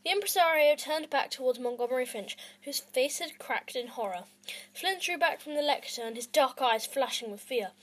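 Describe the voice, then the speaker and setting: A woman's voice: high voice, animated, normal speed, low-quality recording. A woman hosting her own podcast, reading a storybook aloud in an amateur, self-conscious way that stumbles over words. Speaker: podcast host and reader.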